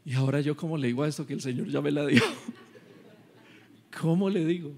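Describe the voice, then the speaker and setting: A man's voice: a little high, moderate pace, a little mellow, slight background noise, natural voice. A man voicing a bashful believing man at a car dealership, with a hesitant, sheepish way of talking.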